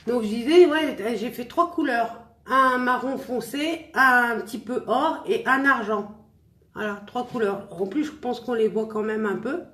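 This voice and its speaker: Speaking at a measured pace, a woman with a fairly bright voice on the high side is heard in a roomy space. She's a makeup vlogger hosting a relaxed tutorial livestream, chatting with viewers and teasing herself as she applies a look.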